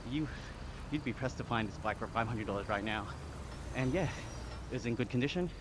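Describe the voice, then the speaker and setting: A young Australian man from Sydney chatting casually on a live stream, relaxed and talkative as he reads and answers chat. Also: medium pitch, fairly quick. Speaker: livestreamer. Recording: clear background noise with insects.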